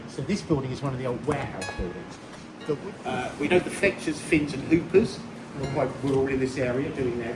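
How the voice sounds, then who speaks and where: Man, mid pitch, roomy echo, informal explanatory tour-guide talk, background music. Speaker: local history tour guide. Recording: echoey, music laid over.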